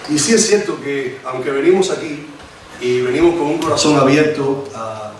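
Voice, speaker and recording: With a fairly high voice at a moderate pace, a Cuban lay preacher in his forties gives a sermon and prayer, hesitant and informal with frequent restarts, in a Cuban Spanish accent. A distant mic in the echoey church hall catches a little hiss or hum.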